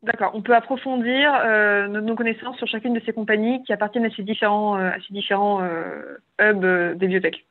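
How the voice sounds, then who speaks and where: A woman's voice: mid-range voice, steady tone, fairly quick. Woman on a thin, phone-like connection. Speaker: moderator helping to translate. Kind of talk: impromptu translation. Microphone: remote conference call. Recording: thin phone-like call audio.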